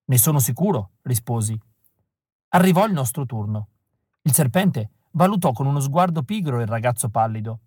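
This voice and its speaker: A male audiobook reader narrating a story in a wry, deadpan way. His voice sits at a middle pitch. The recording is dry and close, with no room sound. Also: normal speed, slightly rough, no room sound. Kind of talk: scripted narration.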